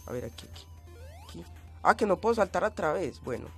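Excitable gamer with a cold. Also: male voice, high-pitched, brisk, faint music behind. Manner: excitable, yelps and screams at in-game hazards. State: coughing, voice changed by a cold. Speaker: let's play gamer. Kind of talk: gameplay commentary.

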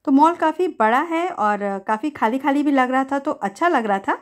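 A woman's voice: high-pitched, animated, normal speed. Chatty middle-aged woman narrating a vlog. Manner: chatty, easygoing storytelling with many "to" linkers. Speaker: family vlogger. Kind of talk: voice-over narration of a family outing.

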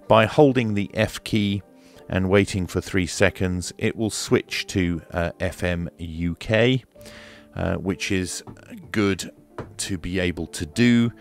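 Seated at a desk in an indoor room, a man with a low voice demonstrates a product in a casual way as a radio reviewer. He talks slowly, explaining each step in a matter-of-fact, unhurried and somewhat hesitant manner.

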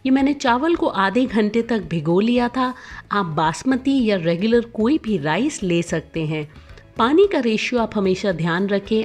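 A woman who hosts a cooking channel narrates a recipe voice-over, giving clear step-by-step instructions in a medium-pitched voice.

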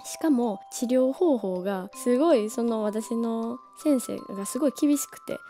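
A woman, slightly hoarse from a cold, explaining things as a voice-training teacher in a friendly, animated way that stretches key words slowly. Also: on the high side, faint music behind. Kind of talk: casual explanatory talk.

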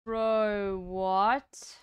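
A woman's voice: mid-range voice, little pitch movement, extremely slow, smooth. A woman streaming a game, chatting and reacting casually. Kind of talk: casual live reaction chat. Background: game music.

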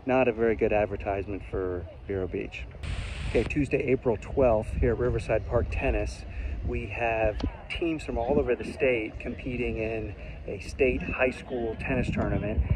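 A man's voice: medium pitch, warm tone, a little hiss or hum. A man vlogging outdoors at public tennis courts, sounding indignant and exasperated as he talks. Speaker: local vlogger. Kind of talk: outdoor complaint vlog.

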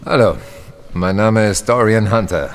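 A man's voice: lowish voice, measured pace, natural voice. A man playing a guarded, laconic demon hunter in a horror audio drama, speaking tersely. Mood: dry, inquiring.

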